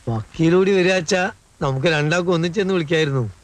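Man playing a servant, high-pitched, fussy, anxious, gossiping. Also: fast talker, natural voice. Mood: grumbling. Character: fussy, nervous male servant who gossips. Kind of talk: 1980s film acting.

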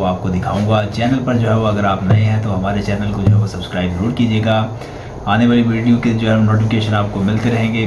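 A Pakistani man in his forties with an Urdu accent, hosting a product review vlog in a small room. He talks eagerly and keeps reaching for the same filler phrase. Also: lowish voice. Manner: leans constantly on the filler "jo hai vo"; upbeat and eager when praising the product. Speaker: host, stationery product reviewer. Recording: steady background noise, slightly dull.

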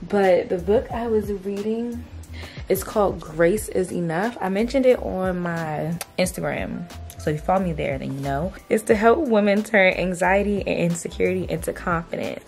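A woman's voice: lowish voice, normal speed, gravelly, a little mellow, soft background music. A young woman in her twenties chatting casually to camera at home, full of fillers and calling her viewers "y'all". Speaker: lifestyle vlogger. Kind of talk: casual vlog chat to camera. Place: home bedroom and kitchen.

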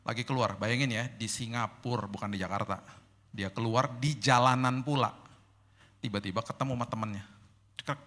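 Male preacher, animated storyteller, conversational sermon, bright tone. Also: medium pitch, a little fast. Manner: animated, conversational, mixes in English phrases. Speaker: pastor.

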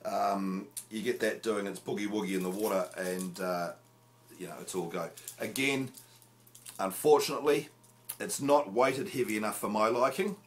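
Low-voiced New man, chatty. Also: normal speed, slight background noise. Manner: chatty and jokey, many filler "uh"s. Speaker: fishing show host. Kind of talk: casual product review. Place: small indoor room with fishing rods. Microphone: camera close up at arm's length.

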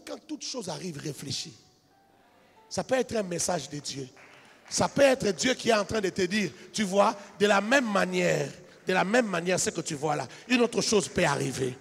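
A man preaching a sermon as a pastor, telling a story quietly and then building up to shouted, half-sung exhortation. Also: high-pitched, gravelly, breathy edge. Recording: reverberant hall with music behind.

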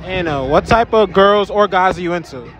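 Man, street interviewer, playful, repeats answers, high-ish voice, noisy crowd around. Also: lively intonation, normal speed, over music. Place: busy city square at night, outdoors. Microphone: phone held to speaker. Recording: loud crowd noise around.

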